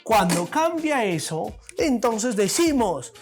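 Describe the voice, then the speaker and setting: A man teaching a classroom lesson, his pitch rising and falling in a lively way. He asks questions and answers them himself. Faint music plays underneath. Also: slow. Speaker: language teacher.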